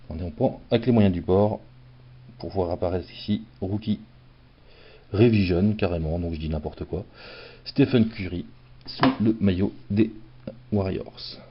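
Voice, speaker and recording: A man's voice: sits low, measured pace, long pauses, breathy edge. A man giving casual, self-mocking commentary while opening packs of trading cards. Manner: chatty, self-mocking, playful. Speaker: card collector opening packs. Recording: dull lo-fi recording.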